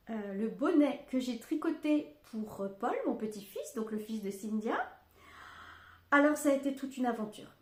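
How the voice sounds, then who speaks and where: An older woman hosting a craft podcast from home, chatting casually and rambling with lots of fillers and asides. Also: fairly high pitch. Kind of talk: casual chat. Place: home room. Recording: echoey room.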